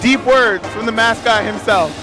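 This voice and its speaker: A man working as a student reporter, doing playful, energetic interviews live at a basketball game. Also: sits high, moderate pace, rough recording. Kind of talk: live vox-pop interviews. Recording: loud arena with music and crowd.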